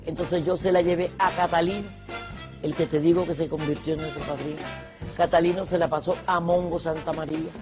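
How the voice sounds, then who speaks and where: A man with a fairly high voice recalls the past in a plain, matter-of-fact way. Music plays clearly beneath him. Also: fairly even intonation, a little fast. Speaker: interviewee. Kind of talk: reminiscing interview.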